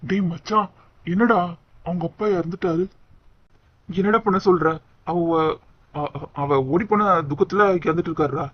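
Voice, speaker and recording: A man voicing a nervous young village man who speaks in a hushed, hesitant way to his friend. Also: high-pitched, measured pace, long pauses, dry recording. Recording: dull lo-fi recording.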